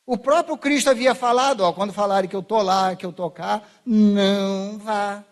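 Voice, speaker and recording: High-voiced Brazilian pastor, chatty sermon. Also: male voice, normal speed. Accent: Brazilian Portuguese. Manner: conversational, acts out voices of biblical figures. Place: church.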